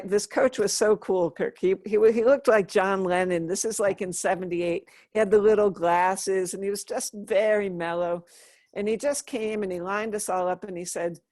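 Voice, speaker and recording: Recorded at studio quality with no room sound, this middle-aged woman has a medium-pitched, slightly mellow voice. She comes from Western Massachusetts, USA, and as an interview guest she laughs and chats her way through casual stories.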